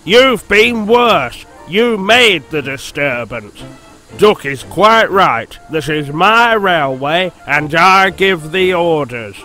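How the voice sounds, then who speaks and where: A man voicing a stern, portly older railway boss in a storybook reading, slow and booming. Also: big pitch swings, fairly bright tone, faint music behind.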